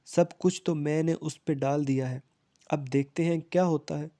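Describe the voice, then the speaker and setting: A male storyteller reads a first-person tale at a steady, even pace. His voice is mellow and flat, pitched a little high for a man, with very little rise and fall.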